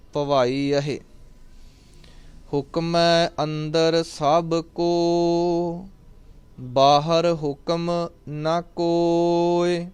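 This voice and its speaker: A man teaching correct scripture pronunciation, spelling out letters and vowel marks and chanting verses in a slow, drawn-out way. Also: a little high, clean tone, no echo.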